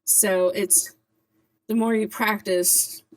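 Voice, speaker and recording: A woman's voice: mid-range voice, steady tone, slow pace. Woman, mid-range voice, casual vlog talk, careful articulation, slight denture lisp, whistling S. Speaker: vlogger.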